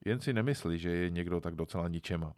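Deep-voiced man reading a story calmly. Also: clean tone, no echo, clean studio sound. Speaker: narrator. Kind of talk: literary reading.

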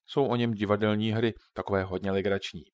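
Casual: man playing a jokey dad explaining stuff, fairly low voice, dry sound. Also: fairly even intonation, darkish tone, no room sound, natural voice. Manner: teasing, patiently explaining. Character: joking, explaining father.

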